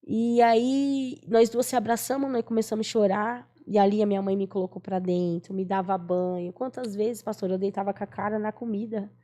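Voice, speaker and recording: A woman's voice: medium pitch, fairly even intonation, moderate pace, hardly any pauses, mellow. Earnest Brazilian woman telling a testimony. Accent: Brazilian Portuguese. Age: 40s. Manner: earnest, storytelling, acts out quoted voices. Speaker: guest giving testimony. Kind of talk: emotional personal testimony.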